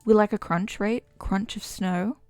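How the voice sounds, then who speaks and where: A woman's voice: medium pitch, steady tone, a little slow, a little mellow, no room sound. A young woman streaming, chatting casually and reading quiz answers aloud with dramatic flair. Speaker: VTuber streamer. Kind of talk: casual chat.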